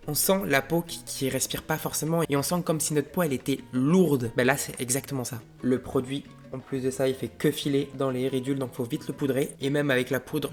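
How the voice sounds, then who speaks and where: A young man doing a makeup review vlog, with loud, dramatic exclamations between his comments. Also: medium pitch. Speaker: beauty vlogger.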